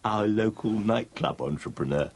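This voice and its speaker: A woman's voice: extremely low pitch, lively intonation, moderate pace, vocal fry, darkish tone, slightly rough, heavily acted. An actress playing a gossipy, easily scandalised woman in a TV soap, incredulous in manner, with a little noise behind. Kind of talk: TV soap drama acting.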